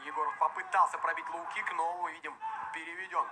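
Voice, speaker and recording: A man's voice: a little high, fairly even intonation, a little fast. A man giving live MMA commentary, describing the fighters and the action as it unfolds. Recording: very noisy live arena broadcast.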